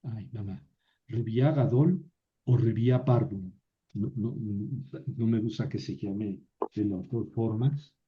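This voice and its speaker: A man's voice: on the low side, slow pace, phone-quality sound. A man teaching a patient, step-by-step lesson, with many fillers and restarted words. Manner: stumbles and restarts words mid-sentence. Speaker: Biblical Hebrew teacher. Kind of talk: recorded online lesson.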